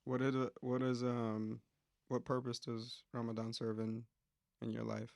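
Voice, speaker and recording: A man's voice: medium pitch, monotone, unhurried, gravelly, a little mellow, dry recording, clean studio sound. A young man hosting a casual interview, easygoing and reflective, laughing often as he asks questions. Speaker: interviewer, host.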